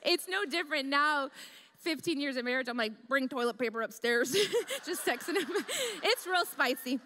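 A woman's voice: sits high, normal speed. A woman from the Midwest preaching a humorous sermon, telling stories and acting out the voices in them. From American Midwest. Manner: animated, comedic, acts out quoted voices. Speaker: guest preacher. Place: church hall. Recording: reverberant church hall.

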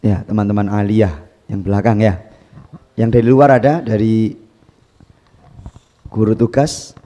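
A man teaching Quran recitation, explaining patiently and reciting Arabic verses slowly with stress. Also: mid-range voice, dark tone, big-room sound. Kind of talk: instructional talk with recitation demos. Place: pesantren hall.

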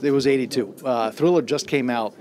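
A man's voice: mid-range voice, a little fast, a little mellow. A middle-aged man from Austria, an audio writer, talking casually to camera at a trade show in an eager, rambling way full of fillers and restarts. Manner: eager, rambling, with many fillers and repeated starts. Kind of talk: casual spoken introduction to camera. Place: trade show demo room. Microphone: handheld mic held close.

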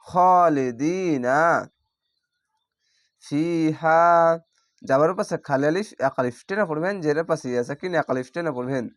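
A man teaching Quran reading, spelling each word out slowly by its letters and vowel marks before reciting it. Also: fairly high pitch, no echo, studio quality. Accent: Bangladeshi Bengali. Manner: slow, drawn-out syllable-by-syllable spelling with recited words.

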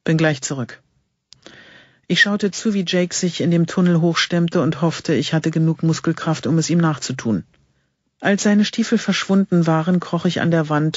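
A man narrating an audiobook in a steady, suspenseful reading style, with a husky voice. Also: fairly high pitch, normal speed, dry recording. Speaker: audiobook reader. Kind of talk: scripted narration. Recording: dull lo-fi recording.

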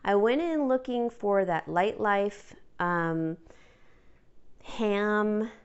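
Chatty woman with a smooth, clear voice. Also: mid-range voice, drawn-out words, lo-fi sound. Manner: chatty, rambling, with fillers and laughs. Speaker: vlogger showing a grocery haul. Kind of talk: casual chat. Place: home kitchen counter, indoors.

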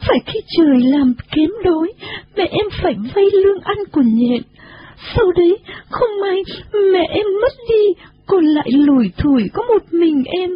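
Teeny weepy bug girl, sobbing and begging, voice way up high, dull old recording. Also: expressive, normal speed. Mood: sobbing, pleading. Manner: sobbing, pleading. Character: tiny frail female butterfly-kin insect, weepy, timid.

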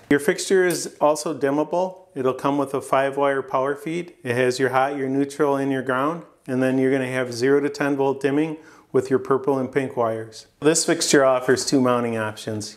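A man in his forties walks through a product demonstration in a plain studio. He explains in a plain, unhurried way, with an occasional um or uh between points. His voice sits at a middling pitch for a man. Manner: plain, unhurried explaining with some filler pauses. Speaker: product presenter. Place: studio with plain backdrop, indoors.

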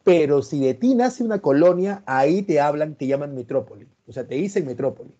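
A man's voice: fairly high pitch, expressive, brisk, mellow, muffled recording. A man teaching history in a live online class, greeting students by name and explaining with homely examples in a voice that sounds stern. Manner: sounds stern, which he says is just his natural voice. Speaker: pre-university history teacher.

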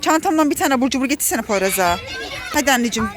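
A woman with a Turkish accent narrates a family pretend-play vlog as a mother talking to her kids. Her voice sits very high, and she fills it with excited, dramatic warnings. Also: very fast. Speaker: mother filming her children.

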